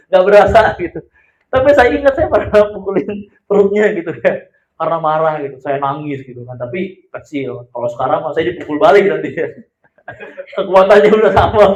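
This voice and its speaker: A man with a high voice preaches in a casual storytelling way, now loud, now quiet. His voice rings around a large church room, and the sound is a little dull and muffled. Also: reverberant. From Indonesia. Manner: conversational storytelling, swinging between loud and soft. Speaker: pastor. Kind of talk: sermon. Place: church hall.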